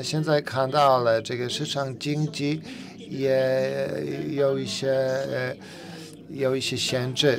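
Male simultaneous interpreter, mid-pitched, halting with fillers, crowd noise behind. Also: gravelly. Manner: halting, many fillers and repeated words.

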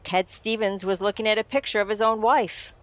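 A woman playing a suave mystery writer in a radio drama, telling the tale in a deliberate, teasing, theatrical manner. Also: mid-range voice, steady tone, lightly acted. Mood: dramatic storytelling. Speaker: audio drama actor. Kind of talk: old-time radio mystery narration.

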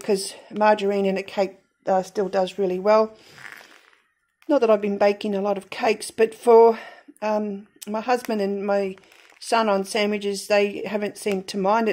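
A woman's voice: medium pitch, darkish tone. A middle-aged woman, casually talking through her grocery haul with frequent ums and self-corrections. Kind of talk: casual voice-over showing groceries.

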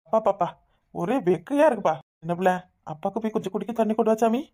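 A woman voicing a calm, reasonable village father in a cartoon, with a Tirunelveli Tamil accent. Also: mid-range voice, fast talker, lightly acted. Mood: gentle. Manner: soothing, reasoning. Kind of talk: cartoon voice acting.

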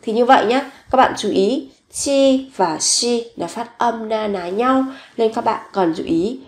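Woman teaching Korean vocabulary. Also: a little high. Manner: slow, repeats each word several times. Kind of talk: recorded vocabulary lesson.

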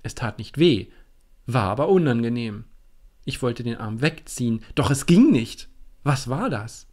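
A man reading his own youth novel aloud in the first person, telling it with lively drama. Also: mid-range voice, moderate pace. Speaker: author reading his book.

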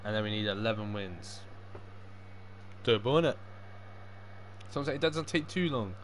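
Low-pitched young gaming streamer man. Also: animated, moderate pace. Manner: sweary, matey slang. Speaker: livestreaming gamer. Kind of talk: casual livestream gaming chat. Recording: clear background noise.

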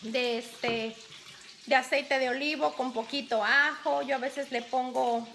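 A chatty woman in her thirties talks to her viewers in a very high, bright voice. She films herself on a phone held at arm's length, and the recording carries clear background noise. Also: steady tone, measured pace. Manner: chatty, keeps addressing viewers as friends. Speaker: vlogger. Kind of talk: casual chat to camera. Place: home kitchen and car.

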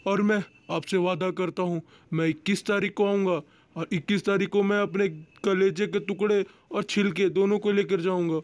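Man voicing a crude melodramatic father, high voice, mock-tearful, dry close sound, comic fan dub. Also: fairly even intonation, normal speed, no room sound, close to an everyday voice. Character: crude, sentimental man forced to give up his son.

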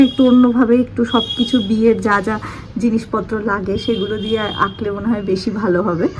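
A hoarse woman with a sore throat from West Bengal, India, chatting casually in a home vlog and speaking softly to spare her voice. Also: mid-range voice, a little hiss or hum. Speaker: vlogger.

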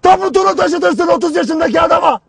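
An actor playing a harsh army commander who berates his soldiers with bitter, barking scolding and frequent shouting. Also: extremely high pitch, a little fast, creaky, exaggerated voice. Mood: grim. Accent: Turkish. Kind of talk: film trailer acting.

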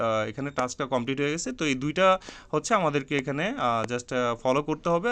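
A man walking viewers step by step through an online earning task, pausing often on drawn-out fillers and repeating steps. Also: medium pitch, a bit bright. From Bangladesh. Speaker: online earning tutorial host. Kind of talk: step-by-step screen tutorial.

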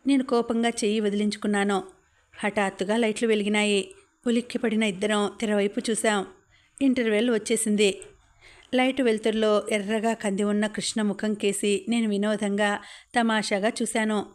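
Woman reading a novel out loud, first person, flat steady tone. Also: medium pitch, moderate pace. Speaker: audiobook narrator.

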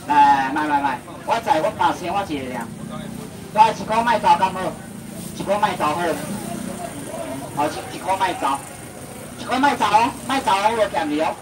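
This is a seafood auction at an open-air market, led by a young Taiwanese-accented man with a high-pitched voice. He sings out prices rapidly and teases the crowd, while loud market sounds swamp his distant voice.

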